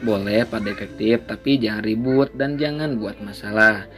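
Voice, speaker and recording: A man voicing a fatherly man gently instructing a small boy, in a storybook reading. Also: lowish voice, fairly even intonation, normal speed, over music, natural voice.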